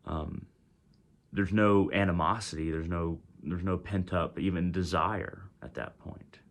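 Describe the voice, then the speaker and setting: A man's voice: low-pitched, a little slow, a little hiss or hum. A man with a Texas accent casually retelling a story, rambling with many ums and self-corrections. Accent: Texan.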